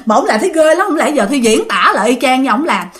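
A woman's voice: high voice, quick pace, heavy background noise. A woman with a Southern Vietnamese accent telling a ghost story in a casual spoken way, talking straight to her listeners. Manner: animated, talks straight to listeners.

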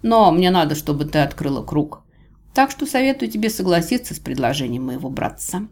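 A woman's voice: low voice, very animated, brisk, darkish tone, exaggerated voice. A woman reading an audiobook voices the falsely sympathetic inner voice of a scheming god. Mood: mocking.

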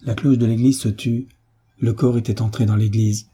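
A man narrating an audiobook in French in a measured, steady reading. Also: mid-range voice, breathy edge. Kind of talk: scripted narration.

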